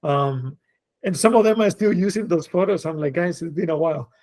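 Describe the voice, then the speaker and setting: A Spanish man in his forties, a native Spanish speaker, guests on a podcast to reflect on his journey as a designer and creative director. His voice is a little high, a little mellow, and a bit quick, and his loose, casual talk is full of fillers and restarts.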